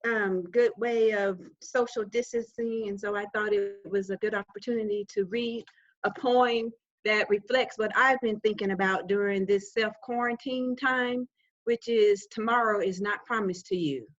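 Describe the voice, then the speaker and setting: A woman's voice: mid-range voice, steady tone, normal speed. A woman at her first open mic, introducing and then reciting a poem over a dull, lo-fi connection. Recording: dull, lo-fi video call audio.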